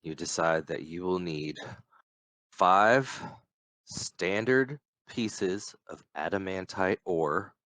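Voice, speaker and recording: A man narrating a tabletop game as game master, unhurried and descriptive. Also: sits low, fairly bright tone, no room sound.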